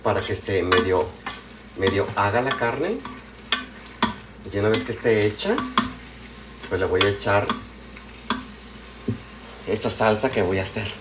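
A man's voice: lowish voice, unhurried, long pauses. A man with a Mexican accent chatting casually with livestream viewers, calling them pet names and using slang while he cooks in a home kitchen at night. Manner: chatty and affectionate, greets viewers by name, slangy. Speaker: live streamer. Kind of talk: casual cooking livestream chat. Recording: kitchen noise behind the voice. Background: frying, pots and dishes clattering.

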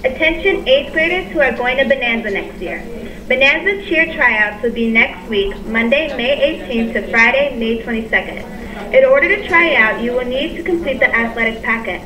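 A woman's voice: fairly high pitch, lively intonation, moderate pace, a crowd in the background. A woman reading school announcements in an upbeat, sing-song manner, heard over a school intercom speaker. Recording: echoey, distant, noisy intercom.

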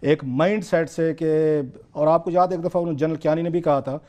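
High-voiced Pakistani man, urgently arguing. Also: steady tone, a little fast, mellow. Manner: urgent, emphatic, repetitive argument. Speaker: political commentator. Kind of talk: TV talk show debate.

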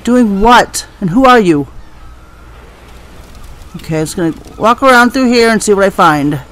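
A man with a notably high voice plays through a game and comments casually. He thinks aloud in a hesitant way and reads out the notes he finds. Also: expressive, moderate pace, a bit bright. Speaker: video game player.

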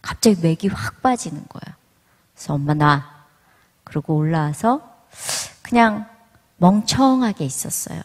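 A middle-aged woman giving a church testimony, telling her story with lively storytelling and acting out the lines. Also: medium pitch, normal speed. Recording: reverberant hall.

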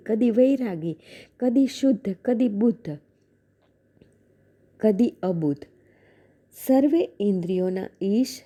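A woman gives a slow, measured devotional reading, her voice very dark and mellow. A breathy softness sits in her tone as she moves from narration into gently chanted verses. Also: mid-range voice, dull audio. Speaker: devotional reader.

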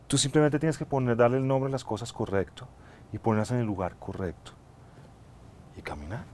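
A middle-aged man with an average-pitched voice speaks as a guest in a TV studio interview. He answers at length in a thoughtful, measured and earnest way, picked up by a lapel mic. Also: a little mellow, slight background noise. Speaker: actor guest. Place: TV studio set, seated in armchair.

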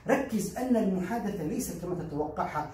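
A man teaching English, explaining in Arabic and slowly modeling English phrases for learners. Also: sits high, expressive, a little mellow, slight background noise. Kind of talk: bilingual language lesson. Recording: echoey room from far off.

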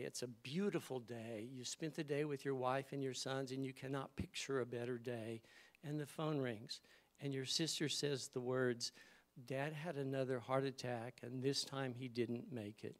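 A man's voice: mid-range voice, moderate pace. A middle-aged man giving a church sermon to a congregation in a conversational, storytelling way. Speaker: guest speaker. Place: church service.

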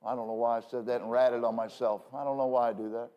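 A male pastor preaching a sermon from the pulpit in a conversational way, full of self-deprecating asides and quick "okay?" checks with the congregation. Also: medium pitch, level tone, highs cut off. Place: church pulpit.

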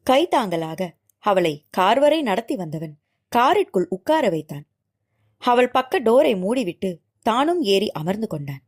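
ஒரு பெண் ஒலிப்புத்தகத்தில் காதல் நாவலை உணர்ச்சிகரமாக நாடகத்தன்மையுடன் வாசிக்கிறார். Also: female voice, mid-range voice. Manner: expressive, dramatic storytelling. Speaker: audiobook narrator. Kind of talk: reading a romance novel aloud.

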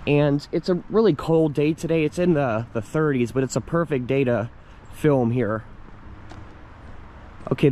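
Filmed outdoors on a handheld camera, a young male hiking vlogger gives casual narration of his trek through a wooded park, pausing to take in the views and read a plaque aloud. He speaks in a dark-toned, mid-range voice over slight background noise.

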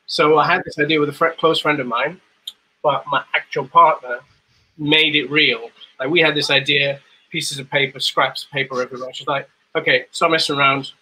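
A man from Zimbabwe, a bartender guest, telling his story in relaxed, rambling chat over a video call. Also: fairly high pitch, fairly quick, husky, rough recording. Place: dim room at home. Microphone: video call webcam.

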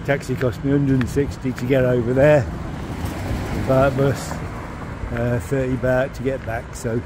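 A man casually narrating his travel vlog while walking at night, relaxed and rambling. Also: mid-range voice, unhurried. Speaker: vlogger. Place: outdoors at night on city streets. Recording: noisy street recording. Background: street traffic noise.

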